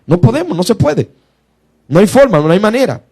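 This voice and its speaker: A man preaching a teaching sermon, moving from slow, careful explanation to quick, rising bursts of emphasis. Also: sits high, very animated, creaky, a little mellow, husky.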